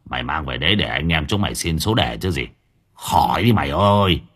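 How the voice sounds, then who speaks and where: A man voicing a gruff, blunt old male spirit master in an audio story, speaking low and muttering. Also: lively intonation, fairly quick, a bit bright, exaggerated voice. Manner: low gruff muttering, calls others "mày".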